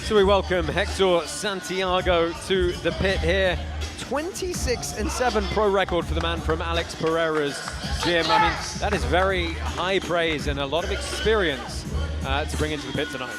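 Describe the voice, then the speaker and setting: Higher-voiced man calling live fights. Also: normal speed. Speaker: play-by-play sports commentator. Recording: music and crowd noise behind voice. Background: arena crowd and music.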